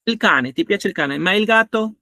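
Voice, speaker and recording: A man's voice: high voice, lively intonation, moderate pace, bright, forceful tone, no room sound, studio quality. A man teaching a grammar lesson, patiently repeating each example and checking that students follow. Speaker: language teacher.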